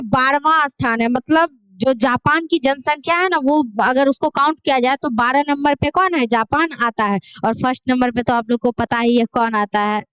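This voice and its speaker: A woman's voice: high voice, dry recording. A woman teaching an exam-prep class, reading out each question, then repeating the answer and explaining it patiently while calling her students kids.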